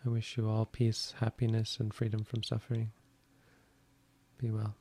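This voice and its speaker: A man's voice: on the low side, monotone, normal speed, warm tone. A man, a Buddhist monk, answering audience questions in a frank, matter-of-fact way with dry, self-deprecating humour. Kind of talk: live question-and-answer session.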